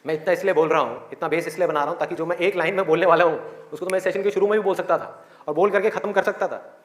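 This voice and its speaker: A man's voice: sits high, fairly even intonation, rapid-fire. A man giving a motivational speech to students in a large hall, asking rhetorical questions and acting out their inner voices. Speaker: motivational speaker. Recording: echoey hall, faint crowd.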